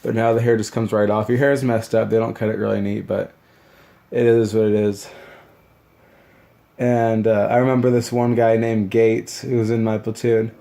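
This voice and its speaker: A young man talks through his story in a casual, meandering way, often stopping to restart a thought. His voice has a gravelly, creaky edge. He stays fairly flat in pitch and rarely rises or falls much. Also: moderate pace. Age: young adult. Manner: rambling, loose, many fillers and restarts. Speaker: new Marine recalling boot camp.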